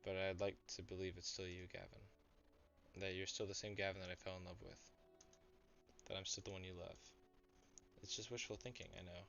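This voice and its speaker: A man reading aloud the lines of a tender young woman who is dying and confessing her love, in a soft, unhurried way. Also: low-pitched, little pitch movement, creaky. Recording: dull lo-fi audio, faint music.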